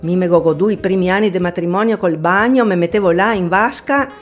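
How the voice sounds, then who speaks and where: A woman's voice: on the low side, a little fast. A woman in her eighties from Trieste with a Triestine dialect accent, chatting in a rambling, conversational way. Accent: Triestine, north-eastern Italian dialect. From Trieste, Italy. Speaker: interviewed grandmother. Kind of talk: casual interview chat, dialect mixed with Italian. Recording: music under the voice.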